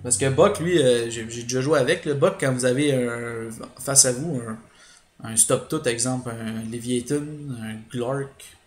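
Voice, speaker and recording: A man's voice: mid-range voice, a little slow, a little hiss or hum. Quebec french dude narrating his card game, lots of euh, echoey room. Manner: thinking aloud, hesitant, explains strategy to viewers. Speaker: gaming channel host. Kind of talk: let's play commentary.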